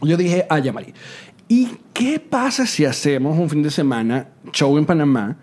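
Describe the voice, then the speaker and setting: A man's voice: fairly high pitch, lively intonation, moderate pace, darkish tone. A young man with a Venezuelan accent, co-hosting a podcast and announcing tour dates in playful casual chat. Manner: playful, announcing, laughing often. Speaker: podcast co-host.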